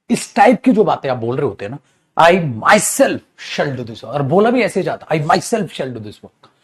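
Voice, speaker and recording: A male English teacher leads a grammar class in an animated, rising and falling voice. His tone is slightly husky and fairly high. He drills example sentences slowly and repeats them. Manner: lively, addresses students as beta, repeats phrases slowly.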